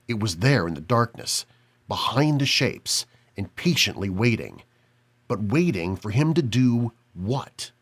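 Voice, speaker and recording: Man, audiobook narration, dramatic, measured, animated pitch. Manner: measured, dramatic, drops low on key words.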